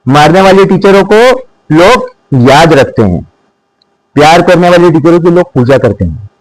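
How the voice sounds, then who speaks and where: A middle-aged man, a school principal, talking to teachers in a mix of Hindi and English, slowing down to stress short English maxims. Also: a little high, big pitch swings, no echo, low-quality recording. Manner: mixes Hindi with English maxims, slows for emphasis. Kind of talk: speech to teachers.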